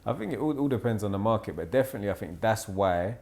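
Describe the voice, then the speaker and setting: A man hosts a relaxed podcast conversation in a fairly low voice. He thinks out loud, sums up what his guest has said, and steers the talk toward the next question. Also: quick pace, gravelly. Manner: relaxed, reflective, summarises guest's points. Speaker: podcast host. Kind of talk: casual podcast interview.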